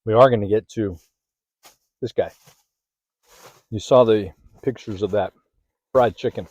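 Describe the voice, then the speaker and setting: A man's voice: fairly low pitch, measured pace, darkish tone, no echo, muffled recording. A man hosting a casual food vlog, chatting as he eats, sometimes with his mouth full, filming one-handed in a parked car. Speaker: food vlogger. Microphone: handheld phone or camera.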